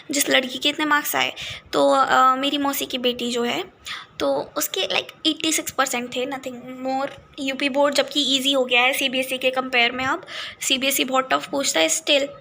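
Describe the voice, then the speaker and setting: A young woman from India vents to camera in a casual vlog. Her voice sits high and sounds bright and sharp. She drifts between languages, frustrated but talkative. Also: slight background noise. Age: young adult. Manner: frustrated, mixing Hindi and English. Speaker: vlogger. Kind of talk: casual venting monologue.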